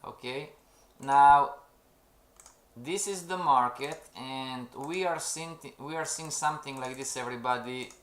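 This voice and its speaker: During his live-streamed trading lesson, a man speaks at a measured pace in a slightly bright, medium-pitched voice, keeps addressing "everybody", checks in with "okay?" and reads out chat messages, all with a roomy echo.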